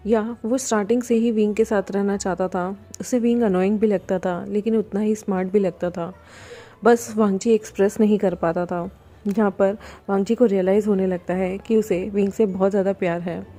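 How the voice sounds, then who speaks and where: A woman narrating a fan fiction story in a steady, even storytelling manner. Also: mid-range voice.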